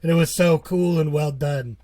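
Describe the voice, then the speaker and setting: Higher-voiced playful man. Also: normal speed, mellow, no room sound. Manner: playful, jokey, searches for words aloud. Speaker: podcast co-host. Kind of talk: casual chat.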